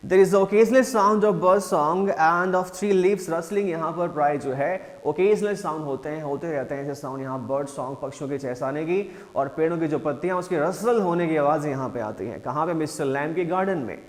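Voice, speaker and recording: A man teaching a class, reading English lines slowly and then explaining them again and again in Hindi. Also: fairly high pitch, big-room sound.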